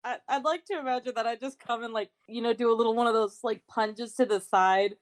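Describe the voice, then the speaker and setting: A woman rambles through her character's moves in an actual-play tabletop game, laughing as she goes. Her voice sits slightly high. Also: fairly even intonation, a little fast. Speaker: player.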